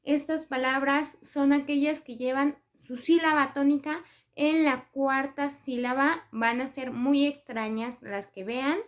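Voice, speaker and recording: A woman's voice: high voice, fairly even intonation, a little slow. A woman presenting a spelling lesson for writers, explaining step by step with examples and frequent hesitation fillers. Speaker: writing tips presenter.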